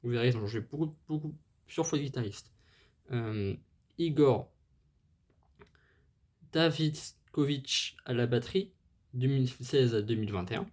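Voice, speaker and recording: A man's voice: mid-range voice, moderate pace, pauses often, darkish tone. A man hosting a music channel, presenting a band's history casually, hesitant and full of fillers, apologizing as he stumbles over foreign names, enthusiastic about the music. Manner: hesitant, many fillers and restarts.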